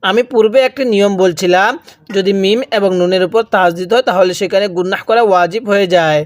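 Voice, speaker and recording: A man teaching Quran reading in Bengali with a Bangladeshi accent, spelling out words slowly and asking and answering his own questions. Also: high-pitched, no room sound, studio quality. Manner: drills syllable by syllable, asks and answers own questions. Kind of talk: slow spelled-out recitation lesson.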